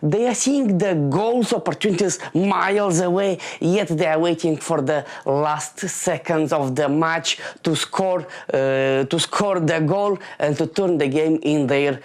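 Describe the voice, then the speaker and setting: A man in his late twenties from Moldova, delivering a halting stand-up comedy monologue full of fillers and restarts. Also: fairly high pitch.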